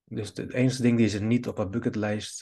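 A man's voice: lowish voice, little pitch movement, brisk, mellow, husky. A man giving a video editing tutorial, talking in long rambling asides while he clicks through cuts at his computer. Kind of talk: screen-recorded editing tutorial commentary.

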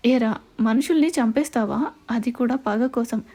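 A woman voices a cocky young man who teases his enemy with easy confidence. The tone stays mellow and a touch high, in a storybook drama reading. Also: normal speed. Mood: confident. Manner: mocking, confident. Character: bold, teasing young male rescuer.

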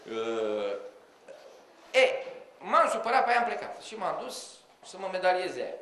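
A man telling comic stories to a live audience, acting out the people in them and talking to the crowd. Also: high-pitched. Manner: animated, acts out quoted voices, addresses the audience directly. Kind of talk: live comic storytelling monologue. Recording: roomy hall, audience audible.

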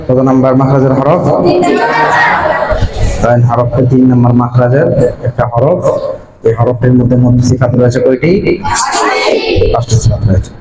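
A man's voice: mid-range voice, fairly even intonation, normal speed, long pauses. A male madrasa teacher giving a Quran pronunciation lesson, asking the class questions and repeating the answers. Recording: echoey room with a crowd of students. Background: students chanting along.

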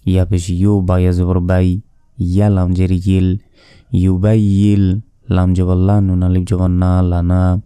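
Deep steady guy spelling out quran letters one by one, very slow, dark mellow voice. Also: clear, resonant tone, no echo, studio quality. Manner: slow, measured letter-by-letter spelling with drawn-out recitation. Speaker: Quran reading teacher. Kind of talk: spelling out and slowly reciting Quran verses.

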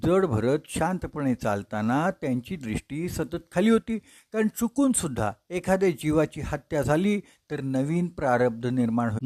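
A male devotional storyteller narrates with dramatic energy, and his pitch swings widely through each sentence. His voice sits somewhat high for a man and stays expressive throughout.

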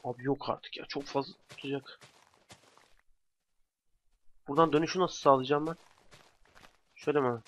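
A man's voice: mid-range voice, fairly even intonation, normal speed, pauses often, fairly bright tone. Chatty young man muttering while gaming. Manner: chatty, mutters to himself, bursts of exasperation. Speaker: gamer commentator. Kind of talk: casual let's play commentary. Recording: dry, dull lo-fi home mic.

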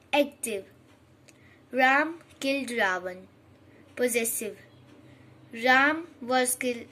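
A woman giving a slow grammar lesson, reading aloud haltingly with frequent restarts and slips. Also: on the high side, fairly bright tone. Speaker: teacher.

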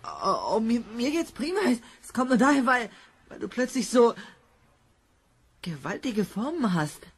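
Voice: medium pitch, huge pitch swings, a little slow, slightly rough, full character voice. A performer voicing a confused, frightened teenage boy in an audio drama, stammering in panic. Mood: panicky.

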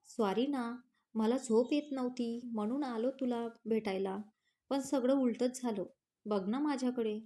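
A pleading, playful newlywed husband, read by a woman storyteller with a mellow voice. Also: fairly high pitch, unhurried, lightly acted.

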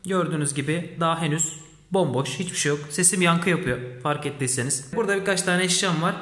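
A man's voice: fairly high pitch, quick pace, fairly bright tone. A man hosting a hobby channel, talking casually to camera from a small empty room in his new home, his voice echoing off the bare walls, and he keeps calling the viewers his friends. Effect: echo of an empty, bare room. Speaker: hobby DIY channel host.

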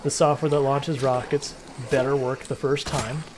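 A man's voice: mid-range voice, flat delivery, moderate pace, noisy background. A man casually chatting and joking while he livestreams a video game. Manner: rambling, joking, conversational. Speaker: game streamer. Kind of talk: casual chat while gaming.

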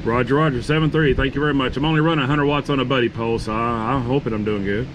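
A man with a medium-pitched voice makes amateur radio calls in phonetic spelling, courteous and repetitive. He is outdoors, with clear steady noise around him. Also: rapid-fire. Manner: courteous, repeats himself. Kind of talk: radio contest-style calling, phonetic spelling. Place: outdoors at a campsite table. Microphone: camera on the table beside the radio.

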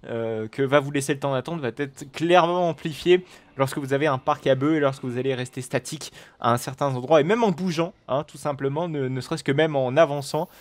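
A man giving live commentary on a game, excitable and rambling, with frequent swearing and exclamations. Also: mid-range voice, fairly quick. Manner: rambling with many fillers and restarts. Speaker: gaming video host.

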